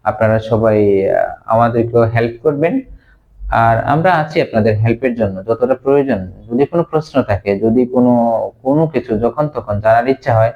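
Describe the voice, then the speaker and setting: A man teaching a language class casually, repeating words slowly as he drills them. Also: medium pitch, phone-quality sound. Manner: slow and repetitive, drilling words.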